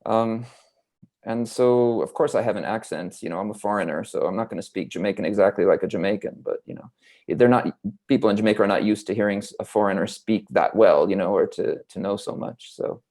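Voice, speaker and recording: A man's voice: on the low side, a little fast, darkish tone. An American man from Los Angeles, a guest author in a casual interview, telling his story in a rambling, reflective way over a video call. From Los Angeles, United States.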